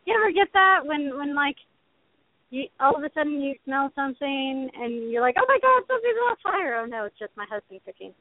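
A woman's voice: high voice, sing-song, fairly quick, dry recording. A woman in her thirties, co-hosting a casual chat, talking in a rambling way with restarts. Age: 30s. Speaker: podcast co-host. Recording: tinny phone-like line.

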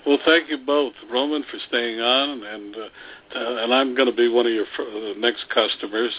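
A man's voice: medium pitch, fairly even intonation. A man hosts a radio interview, stumbling through restarts and fillers as he introduces and questions his guests. The sound is narrow and tinny, like a phone line. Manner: halting, with many ums and restarts. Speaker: radio show host. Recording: phone-like band.

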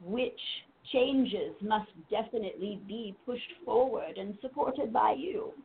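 A woman speaking as a channeled, benevolent spirit guide in the manner of a seance medium, with measured, formal phrasing, long pauses and tender endearments. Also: fairly high pitch, vocal fry. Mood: serene, solemn. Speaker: trance channeler and spiritual medium hosting a call-in show. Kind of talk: seance medium channeling, solemn spiritual address with live callers. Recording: muffled lo-fi audio with faint noise.

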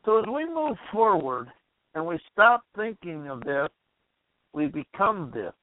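A man's voice: high voice, big pitch swings, a little slow, no room sound. A man hosting a motivational call-in radio show, rambling and asking the listener questions while losing his voice. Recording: tinny phone-like radio line.

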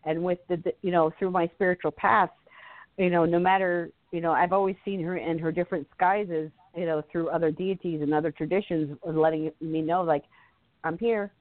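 A chatty woman hosting a spiritual radio show, her voice a touch low and heard over a tinny phone line. The sound is dry and close. She talks in long, easygoing stories and laughs often. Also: steady tone, fairly quick, no room sound. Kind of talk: casual spiritual talk radio chat.

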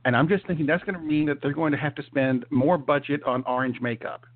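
A man's voice: fairly high pitch, fairly even intonation, quick pace. Man, co-host, casual chat, hesitant with restarts, phone-like tinny sound. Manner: hesitant, many restarts and fillers. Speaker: podcast co-host.

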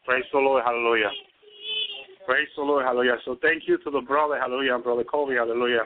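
A man's voice: medium pitch, steady tone, fast. Man preaching over a lo-fi radio broadcast. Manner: repeats hallelujah constantly, stammering restarts. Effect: heard over a radio broadcast. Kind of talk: radio sermon.

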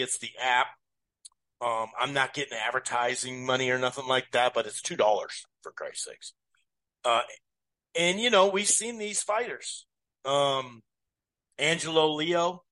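Male podcast host, casual fight talk, middle pitch, dry close sound, rambling filler-heavy delivery. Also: sharp tone, dry recording. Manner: rambling, self-correcting, many fillers. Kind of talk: casual betting and fight preview chat.

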